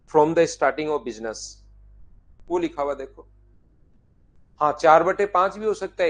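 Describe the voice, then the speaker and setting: A man's voice: on the high side, a bit bright. A man, teaching an online math class, explaining step by step and asking students to answer yes or no.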